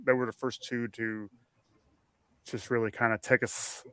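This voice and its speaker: A man's voice: mid-range voice, flat delivery, measured pace, pushed and bright, smooth, no echo. A man hosting a casual podcast livestream from home, friendly and chatty, laughing easily. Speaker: podcast host. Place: home room during a storm.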